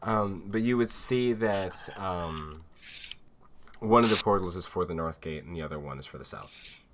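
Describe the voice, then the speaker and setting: A man's voice: sits low, moderate pace, noisy background. A man narrating a tabletop game as game master, casual and rambling with lots of fillers.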